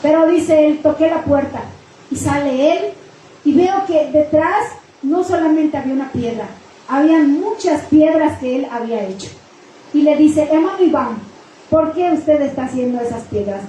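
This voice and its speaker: A woman pastor delivers a storytelling sermon, acting out dialogue and repeating key phrases for weight. Her voice sits high but mellow. The church hall rings with heavy echo, with a faint hum of room ambience behind her. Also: normal speed. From Mexico. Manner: retells an anecdote with quoted dialogue and repetition.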